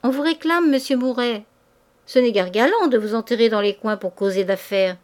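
A woman's voice: on the high side, normal speed, natural voice. A woman reading a novel aloud, voicing an insistent, coaxing society lady who presses a man for details.

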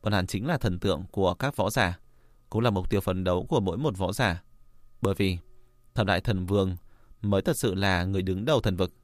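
A man narrating a fantasy novel as an audiobook in a steady storytelling read. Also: sits low, fairly quick, no room sound. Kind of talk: scripted narration.

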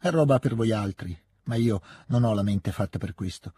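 A man's voice: lowish voice, moderate pace, warm tone, breathy edge, dry recording, clean studio sound. A man voicing a jovial, eccentric old Russian country uncle in a literary radio reading, folksy and fond of a pet phrase. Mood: good-humored.

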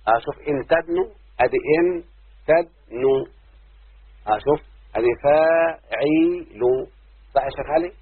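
A man with an Egyptian accent teaching Arabic prosody in a class, explaining step by step and often checking that his students follow. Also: a little high. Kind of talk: classroom lesson. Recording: husky lo-fi phone-like recording.

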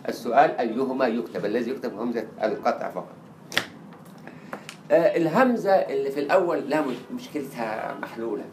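Fast-talking Egyptian man lecturing in an echoey hall. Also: medium pitch. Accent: Egyptian Arabic. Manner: animated, acts out quoted dialogue and drills pronunciation. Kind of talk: university lecture on Arabic writing. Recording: echoey lecture room with faint hiss.

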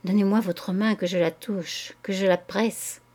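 A woman's voice: medium pitch, measured pace, lightly acted. A woman reading an ardent young lover. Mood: ardent pleading. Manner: ardent, pleading, hushed. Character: passionate young man declaring his love.

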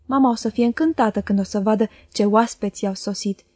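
A woman voicing a falsely humble, fawning young male clerk in a storybook reading, speaking softly and low. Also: no room sound, studio quality, lightly acted.

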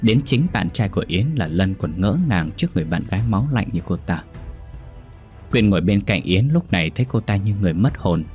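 A man narrating a ghost story in a calm, measured way. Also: sits low. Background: faint music.

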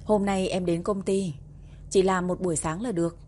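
A stubborn, playful young wife from a romance audiobook teases her husband. A woman reads her in a lowish, warm voice with a soft, mellow tone and an easy, teasing lilt. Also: steady tone, moderate pace, slight background noise, lightly acted. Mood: tender.

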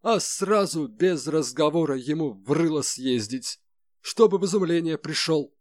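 A blunt, hot-headed junior officer, played by a man reading an audiobook, his voice pitched high and loud with indignation. He talks rough and plain. The recording is close and dry. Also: animated, moderate pace, no room sound, lightly acted. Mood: indignant.

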